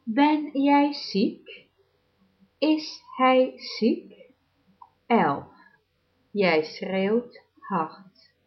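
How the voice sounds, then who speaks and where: A woman reading numbered practice sentences aloud as a language teacher, in a deliberate drill style with long pauses. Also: fairly high pitch, big pitch swings. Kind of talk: slow, clearly enunciated drill reading. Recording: dull lo-fi recording.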